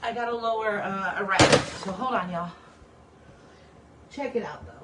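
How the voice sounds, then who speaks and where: Cooking live on a phone stream in her own kitchen, a woman chats casually with viewers, addressing them as y'all, a little hot and breathless. Her voice is medium-pitched at a normal speed, and the recording is very noisy.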